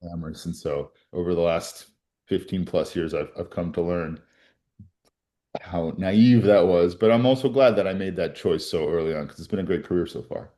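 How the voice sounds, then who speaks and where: A Colombian-raised criminal defense attorney in his forties tells his story in an interview, earnest and reflective, often restarting his sentences. His voice is low and warm, and he speaks at normal speed.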